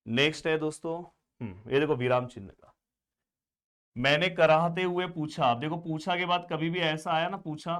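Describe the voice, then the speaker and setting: A man's voice: fairly high pitch, fairly bright tone, clean tone. A man teaching grammar for board exams in a chatty way. He keeps calling the students friends and asks and answers his own imagined student questions. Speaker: Hindi grammar tutor. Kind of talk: exam-prep lesson.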